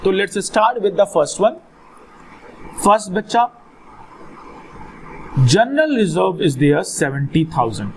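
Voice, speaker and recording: A man with a North Indian accent teaches a lesson in a somewhat high voice. He repeats key phrases and checks in with questions, slipping in Hindi words. There is some noise behind him. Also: very animated, unhurried, long pauses. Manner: repeats phrases, addresses student affectionately, mixes in Hindi words. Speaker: accountancy teacher. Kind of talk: instructional lesson with call-and-response questions. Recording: clearly noisy background.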